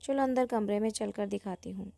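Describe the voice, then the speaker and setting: A woman's voice: mid-range voice, fairly quick, gravelly, mellow, no echo, close to an everyday voice. A woman voicing a teasing touchy lady. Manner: teasing, mock-offended. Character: playful touchy woman, teasing and quick-tempered.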